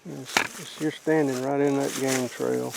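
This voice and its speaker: A middle-aged man co-hosting an outdoor vlog explores the woods, offering plain-spoken, casual commentary in an unhurried, gravelly, mid-range voice with little pitch movement. The field recording outdoors carries faint noise.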